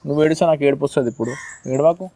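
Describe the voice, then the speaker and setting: A man's voice: fairly high pitch, very fast, heavy background noise. A young man acting in a love drama, pleading and insistent, repeating himself. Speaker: lead actor in a web drama. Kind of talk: acted love-drama dialogue.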